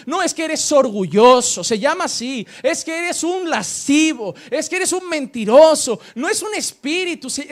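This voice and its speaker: High-voiced pastor preaching with emphasis. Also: male voice. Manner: emphatic, repeats key words for effect, acts out quoted voices. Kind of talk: sermon.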